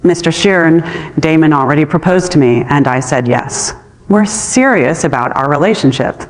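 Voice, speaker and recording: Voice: mid-range voice, expressive, moderate pace, close to an everyday voice. A storyteller voicing a sarcastic young woman who mocks and then speaks firmly, in a recording with a long reverberant tail. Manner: mocking, dismissive.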